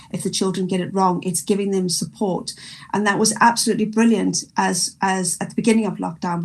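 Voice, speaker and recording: A primary school teacher with a South African accent speaks in an online panel discussion, chatty and animated, restarting her sentences often. Her voice is medium in pitch with vocal fry.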